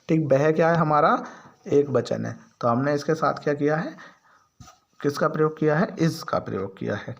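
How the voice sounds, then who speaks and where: A male teacher walks through a grammar lesson at a steady, patient pace. He asks a question, answers it himself, and repeats each example sentence slowly. His voice is gravelly and the recording sounds slightly muffled. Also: medium pitch. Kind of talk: Hindi grammar lesson for learners.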